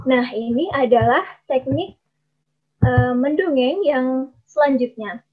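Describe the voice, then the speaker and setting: A woman with a high, light voice leads a storytelling workshop, explaining each technique patiently. She talks to her listeners as friends and often pauses on small hesitation sounds. The audio is slightly dull and lo-fi. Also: slightly rough. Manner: explanatory, with frequent hesitation fillers. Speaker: storytelling trainer. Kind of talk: workshop presentation.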